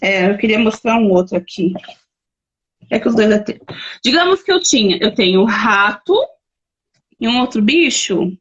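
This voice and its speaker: Husky Brazilian woman teaching on a live stream. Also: medium pitch, expressive, moderate pace, pauses often, a bit bright, highs cut off. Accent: Brazilian Portuguese. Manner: chatty, reads out viewer comments and gives worked examples. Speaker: educator hosting a live stream.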